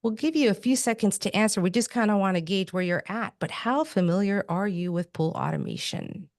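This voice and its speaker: A woman's voice: medium pitch, fairly quick, a little mellow. A woman hosting a business webinar, upbeat and playful, joking with her guests. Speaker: webinar host.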